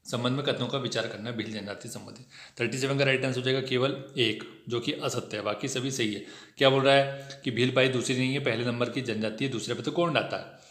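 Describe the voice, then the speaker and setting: A man teaching an exam-prep lesson in a brisk, chatty way, often checking in with his students. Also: medium pitch, a bit bright, echoey room. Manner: brisk, chatty explaining with frequent "ठीक है" check-ins. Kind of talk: test discussion lesson.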